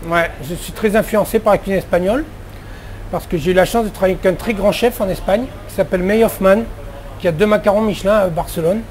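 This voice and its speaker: A middle-aged man with a fairly high voice talks casually about his work as a head chef. He answers in loose, chatty sentences full of fillers and restarts, with faint noise in the background. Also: fast.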